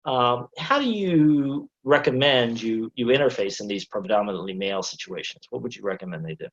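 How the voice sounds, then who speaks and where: A man's voice: mid-range voice, lively intonation, a little fast, highs cut off. A man hosting a casual interview, speaking in long sentences with many you-knows. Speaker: host.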